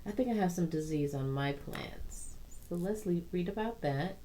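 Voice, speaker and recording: Woman, plant channel host, low-ish voice, very slow halting read-aloud with asides, faint background noise. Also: animated, dark tone, rough recording. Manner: slow, halting reading with self-corrections.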